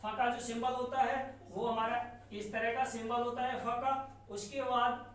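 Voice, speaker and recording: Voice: mid-range voice, flat delivery. Teacher at the board, patient drill-style delivery, heard from across a very reverberant room. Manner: slow, repetitive, sounding out examples. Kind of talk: classroom lesson on English sounds. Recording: very echoey room from far off, faint noise.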